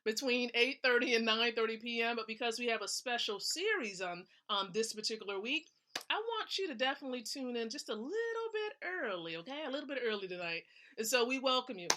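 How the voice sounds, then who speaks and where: A woman hosting a nightly live stream from home, energetic and encouraging, laughing often as she talks to viewers. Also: on the high side, fast. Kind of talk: upbeat live-stream talk.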